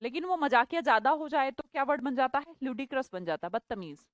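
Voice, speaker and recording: Woman teacher, high voice, playful and chatty, dry close sound. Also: animated, fast, no room sound. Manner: chatty, playful, teasing students by name. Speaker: English vocabulary teacher. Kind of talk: live online class, teaching in Hindi.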